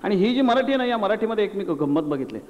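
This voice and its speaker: A man's voice: high voice, very animated, quick pace, darkish tone, lo-fi sound. A man doing stand-up on stage, telling stories in a chatty way that he builds around examples. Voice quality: chatty, explains with examples and impressions. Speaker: stand-up comedian. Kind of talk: live stand-up storytelling. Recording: echoey hall with faint hiss.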